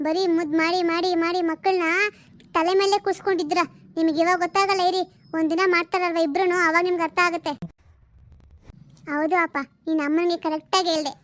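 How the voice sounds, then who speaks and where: A woman voicing a sharp-tongued, nagging mother who scolds her grown daughters in a cartoon family drama. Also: very high-pitched, flat delivery, a little fast. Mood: mocking.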